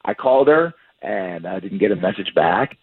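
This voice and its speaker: A man calling into a radio show over a phone line, telling his story in a rambling, halting way. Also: low voice, expressive, breathy edge, dry recording. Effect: heard over a phone line.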